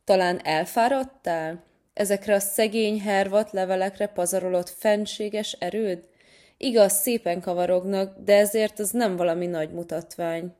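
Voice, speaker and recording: Cheeky young tomcat in a storybook, lively, teasing big brother, voiced by a woman. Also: mid-range voice, natural voice. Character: cheeky clever young male cat, playful big brother.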